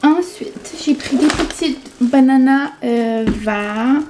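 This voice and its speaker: A woman's voice: high-pitched, slow pace, background noise. A young woman with a Québécois accent, chatting casually to camera, rambling with lots of filler words. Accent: Québécois French. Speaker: vlogger. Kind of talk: casual vlog chat. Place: café, then home.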